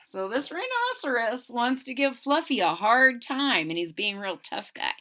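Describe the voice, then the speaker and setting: A woman reads a children's storybook aloud, putting expressive, dramatic emphasis on the words and adding chatty asides for young listeners. Her pitch is fairly high and her pace normal.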